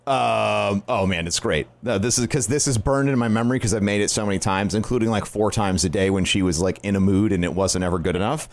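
A man hosting a podcast, telling stories in a casual, animated way and laughing often. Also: on the low side, fast, creaky, few pauses. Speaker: podcast host. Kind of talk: casual chat.

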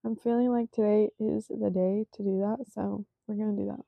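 This twentysomething podcaster chats alone in a slow, meandering, self-conscious way, yawning sleepily and using lots of fillers. She has a mid-range, creaky voice with a flat delivery, recorded dry and tinny like a phone, without echo.

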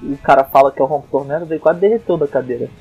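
A man's voice: a little high, very fast, phone-quality sound, music in the background. A man with a Brazilian accent discussing films casually, enthusiastic and full of slang.

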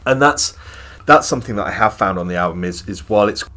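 A man's voice: fairly low pitch, expressive, fast talker, sharp tone. A man co-hosting a podcast, chatting about music in an enthusiastic, opinionated way. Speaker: podcast co-host. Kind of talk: casual music chat.

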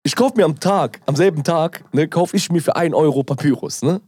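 A man telling stories in casual chat, animated and acting out quotes with laughter. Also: a little high, a little fast, breathy edge.

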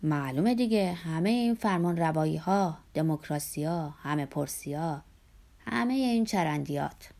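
A woman reading the part of a gruff, scornful older Greek man who mutters contemptuously, in an audiobook. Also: deep voice, animated, dark tone, voice pushed down.

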